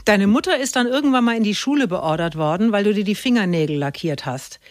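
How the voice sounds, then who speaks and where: A woman's voice: medium pitch, animated, quick pace, no room sound. Female radio talk host, very varied intonation, direct conversational questioning, dry close studio sound.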